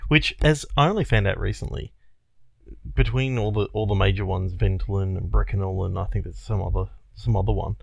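A man's voice: low-pitched, brisk, gravelly, dry recording. A man in his thirties co-hosting a podcast, telling stories in a chatty way and laughing at himself. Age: 30s. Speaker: podcast co-host. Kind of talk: casual chat.

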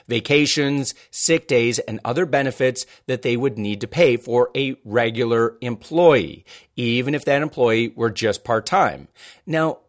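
Male podcast host, chatty and upbeat, rambling, mid pitch. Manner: upbeat, rambling, many fillers. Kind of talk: casual podcast chat with promos.

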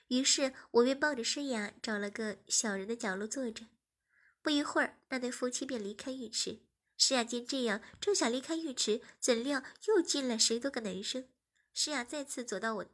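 Soft-spoken woman narrating a story. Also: fairly high pitch, moderate pace. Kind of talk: scripted narration.

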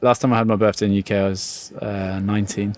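A man's voice: lowish voice, little pitch movement, fast talker, a little mellow, slight background noise. A young man, chatting casually as a podcast co-host, jokey and rambling, swearing freely. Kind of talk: casual chat.

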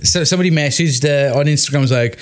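A man's voice: on the high side, fast talker, smooth. A man, talking casually as the host of a chat show.

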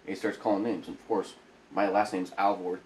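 A man from Idaho, a former Marine, telling his story as a podcast guest in a profane, animated way. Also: deep voice, a little fast. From Idaho, United States. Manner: profane, animated storyteller who acts out quotes. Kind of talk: casual interview storytelling. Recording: echoey room, faint background noise.

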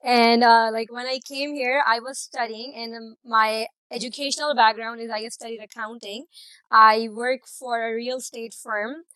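Woman, 30s, from Karachi, chatty podcast guest, slightly high voice, dry sound. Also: steady tone, moderate pace, bright, forceful tone, clean tone, no echo, rough recording. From Karachi, Pakistan. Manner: chatty, many "like" and "um" fillers. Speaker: guest, food blogger. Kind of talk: casual interview answers.

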